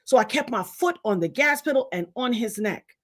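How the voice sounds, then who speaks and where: Middle-aged woman, Trinidadian accent, high-pitched livestream host, emphatic and fed up. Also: animated, moderate pace. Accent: Trinidadian Caribbean. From Trinidad, raised in Brooklyn. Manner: indignant, emphatic, preachy. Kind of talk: livestream commentary rant.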